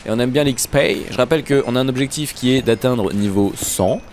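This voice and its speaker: A man's voice: mid-range voice, brisk, darkish tone, a little hiss or hum. A man giving casual, jokey commentary over Minecraft play, talking straight to his viewers. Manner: yelps when startled. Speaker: Minecraft YouTuber.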